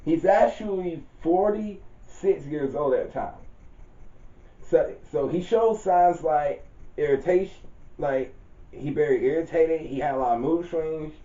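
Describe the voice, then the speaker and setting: A man's voice: on the high side, measured pace, warm tone. A man casually running down a character's bio in a loose, rambling way, often correcting himself and using informal grammar. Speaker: channel host describing his own story character. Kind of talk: casual spoken character rundown. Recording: roomy, dull lo-fi home recording.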